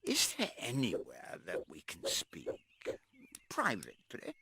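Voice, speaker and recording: An actor playing a scheming, self-important cartoon banker villain with an oily, condescending, grandiose manner. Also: male voice, deep voice, wildly swooping pitch, unhurried, gravelly, sharp tone, slight background noise, exaggerated voice. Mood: smarmy persuasion. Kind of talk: animated cartoon voice acting.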